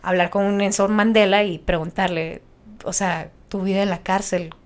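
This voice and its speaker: A woman's voice: medium pitch, moderate pace. A young woman from Honduras with a Honduran Spanish accent, a radio announcer chatting passionately as a podcast guest. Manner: animated, passionate, many restarts. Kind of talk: casual interview chat.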